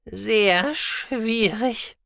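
Man voicing a cheeky furry alien, high and excitable. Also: unhurried, dry recording, clean studio sound, heavily acted. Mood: worried. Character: furry small male alien, cheeky, telepathic. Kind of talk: audiobook reading.

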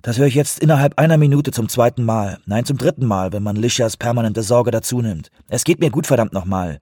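A man reading an audiobook voices a grumpy male researcher who snaps irritably, his pitch rising in outbursts. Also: animated, fairly quick, warm tone, no room sound, studio quality, close to an everyday voice. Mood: irritated.

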